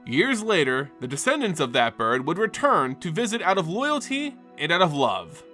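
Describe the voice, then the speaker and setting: As a host and narrator, a man reads scripted fantasy lore with music playing behind him, delivering it like an earnest, theatrical storyteller. His sharp voice is fairly high, swoops wildly in pitch, and moves at a moderate pace.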